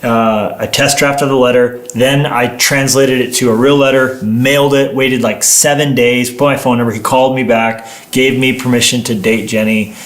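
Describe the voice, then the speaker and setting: A man's voice: mid-range voice, little pitch movement, moderate pace, few pauses, slight background noise. A man chatting casually as co-host of a livestream, telling stories in a playful, rambling way. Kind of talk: casual livestream chat with partner. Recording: roomy, echoing indoor sound.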